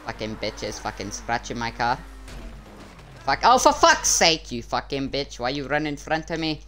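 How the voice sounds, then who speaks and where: Man putting on a hot-tempered Arabic-accented driver, swooping pitch. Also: sing-song, moderate pace, sharp tone, soft background music. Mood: irritated. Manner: foul-mouthed, confrontational. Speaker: gamer. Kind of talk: improvised online game role-play. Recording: noisy game audio with vehicle sounds.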